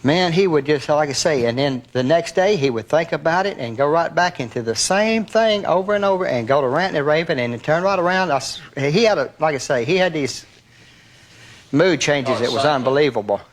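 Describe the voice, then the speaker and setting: A man's voice: on the high side, expressive, fairly quick. An older man with a Southern American accent, reminiscing in an interview with rambling, repetitive storytelling. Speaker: interviewee, longtime confidant.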